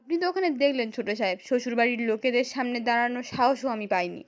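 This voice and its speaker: A woman's voice: fairly high pitch, expressive, quick pace, highs cut off, lightly acted. A woman reading a defiant young wife. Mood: indignant. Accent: West Bengal. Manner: indignant, accusing.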